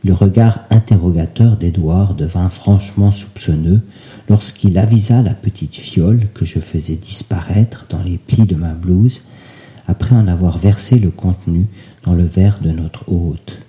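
A man's voice: deep voice, unhurried, warm tone. A man narrating a story in a theatrical, ornate manner, sometimes dropping to a whisper.

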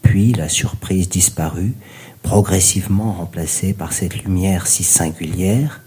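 A man's voice: low voice, measured pace, dark tone. A man narrating a story in a theatrical, ornate manner, sometimes dropping to a whisper.

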